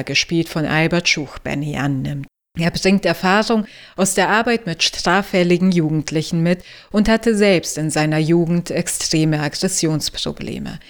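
A woman narrating prepared reviews as a podcast co-host. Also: on the low side. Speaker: podcast co-host giving film tips.

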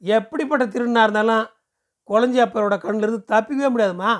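Guy putting on a pushy temple ticket seller, high and loud, rattles off his pitch quick. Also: natural voice. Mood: brisk lecturing. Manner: brisk, lecturing, persuasive.

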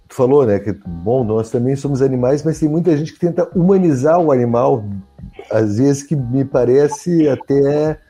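Guy asking questions, really dark husky voice, kinda hesitant, thinking out loud. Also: medium pitch, normal speed, soft background music. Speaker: interviewer. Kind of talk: casual interview questions.

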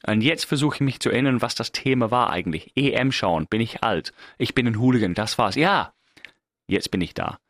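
Middle-aged English guy, non-native German, animated, self-mocking, close and dry. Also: mid-range voice, brisk, no room sound. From England. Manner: animated, self-mocking, many fillers and restarts. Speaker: podcast host. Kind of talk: casual monologue.

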